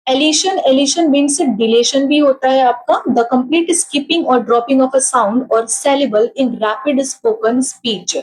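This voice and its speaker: A tired woman with an Indian accent teaching an exam-prep lecture, mixing Hindi and English, slow over definitions and quick in her explanations. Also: high-pitched, darkish tone, low-quality recording.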